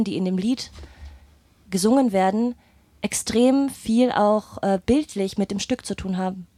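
As a guest performer who sings and plays guitar, this woman chats casually in an interview, recounting her story in a hesitant, thoughtful way into a microphone. Her voice is mid-range and warm, with no room sound.

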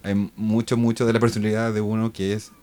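A Chilean man with a fairly low voice speaks as an interview guest. He talks thoughtfully and rambles a little, circling back to restart his thoughts. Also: level tone, a little fast, darkish tone, clean tone. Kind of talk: casual interview chat.

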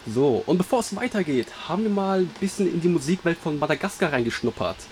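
A man's voice: on the high side, lively intonation, quick pace, darkish tone, a little hiss or hum. A young man from Germany hosting a radio show, presenting in an upbeat, scripted announcer manner.

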